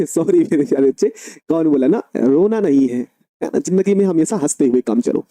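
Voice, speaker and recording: A man teaching an online chemistry class, fondly calling students dear children and slowly dictating notes with repeated phrases. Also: a little high, lively intonation, dark tone, no room sound.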